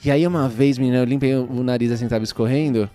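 Man, Brazilian accent, casual chat, rapid delivery, lively anecdotes, faint music behind. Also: medium pitch, smooth. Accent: Brazilian Portuguese. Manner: animated storyteller, calls his listener "menina".

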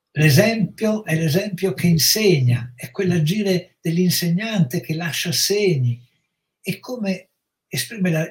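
Measured Italian-speaking male psychologist. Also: high voice. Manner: measured, explanatory. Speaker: psychologist guest. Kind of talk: reflective educational talk.

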